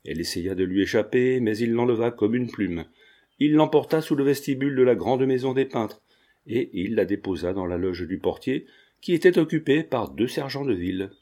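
A man reading a classic novel aloud as an audiobook narrator, with steady storytelling delivery. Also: mid-range voice, moderate pace.

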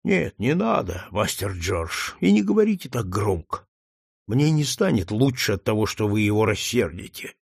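A man voicing a meek, devout older man who speaks softly, slowly and tenderly in an audiobook reading. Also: fairly low pitch, very animated, gravelly, slightly rough, dry recording, studio quality, voice pushed down, exaggerated voice. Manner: soft, slow, tender speech.

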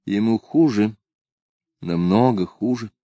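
A man's voice: on the low side, slow pace, dry recording, muffled recording. A man doing a fussy, irritable genteel lady. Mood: fretful. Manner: prim, fretful, with hushed theatrical asides.

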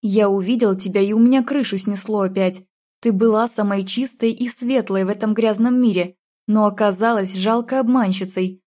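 A bitter, jealous young man who has been drinking, snapping out harsh accusations, as a woman narrator puts him on. The voice stays mellow and warm, in a middle register. It is read as part of an audiobook. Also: medium pitch, steady tone, moderate pace, close to an everyday voice.

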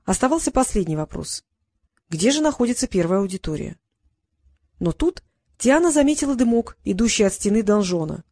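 A woman narrating an audiobook in a measured storytelling manner, close to the mic. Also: medium pitch, sing-song, a little mellow, no room sound. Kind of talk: scripted narration.

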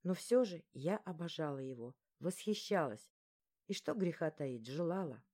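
A woman narrating a first-person romance audiobook in a soft, even storytelling voice. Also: low-pitched, normal speed.

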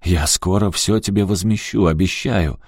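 A man's voice: low-pitched, moderate pace, breathy edge, dry recording, studio quality. A man voicing a weak-willed middle-aged father who pleads and makes excuses. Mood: pleading. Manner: pleading, placating.

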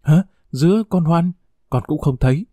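A man's voice: fairly high pitch, normal speed, warm tone, no echo, clean studio sound, lightly acted. A man voicing an anxious old village mother speaking in a choked, urgent way, in an audiobook.

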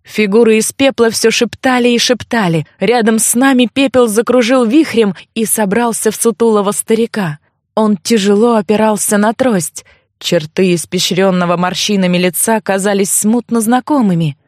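A woman narrating a fantasy novel in a measured storytelling voice. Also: mid-range voice, dry recording, studio quality. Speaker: audiobook narrator. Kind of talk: scripted fiction narration.

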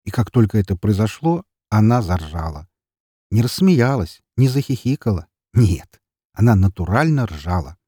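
A man reading a first-person audiobook with an ironic, lively delivery. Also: on the low side, normal speed, breathy edge, dry recording, clean studio sound. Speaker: audiobook narrator. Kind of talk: scripted narration.

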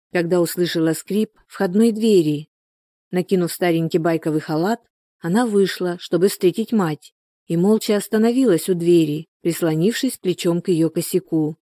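A woman reading a story aloud in an even, unhurried audiobook narration. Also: fairly low pitch, no echo, clean studio sound.

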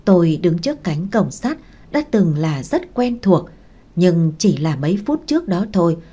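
A woman's voice: fairly low pitch, sing-song, moderate pace, warm tone, husky. A woman narrating a first-person audiobook story in a tearful, emotional manner.

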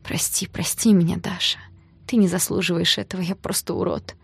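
Woman doing a guilty young man, quiet, halting, husky, gravelly, storybook read-aloud. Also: fairly low pitch, steady tone, no room sound, whispered, heavily acted. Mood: remorseful.

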